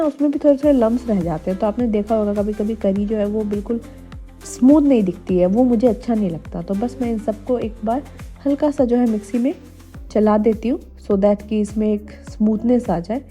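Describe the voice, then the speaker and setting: A young woman from India, slightly hoarse from a cold, chatting to viewers in a casual cooking vlog voice-over. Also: a little high, a little fast, warm tone. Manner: chatty, addresses viewers directly. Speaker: homemaker vlogger. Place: voice-over, not recorded in the pictured kitchen. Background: faint music.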